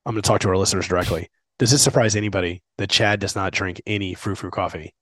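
A man's voice: low voice, steady tone, fast, a bit bright. A man co-hosting a casual podcast chat, teasing his partner in a playful way and now and then bursting into exaggerated enthusiasm. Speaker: podcast co-host.

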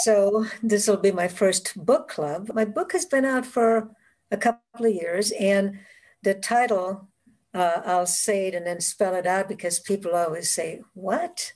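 A woman from the Caribbean with a West Indian accent, the guest author on a video call, telling stories from her childhood with frequent laughs. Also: medium pitch. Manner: warm storytelling, laughs often. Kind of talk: casual interview conversation.

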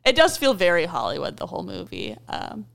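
A woman's voice: on the low side, wildly swooping pitch, fast talker, vocal fry, fairly bright tone. Exclamatory woman co-hosting a film chat. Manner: colloquial, exclamatory, emphatic. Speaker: co-host of a film review show.

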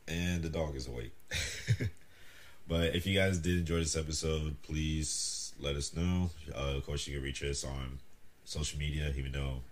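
Very deep-voiced young man, stuffed up. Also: normal speed. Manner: laughs often, relaxed and joking. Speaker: podcast host. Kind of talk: casual podcast chat.

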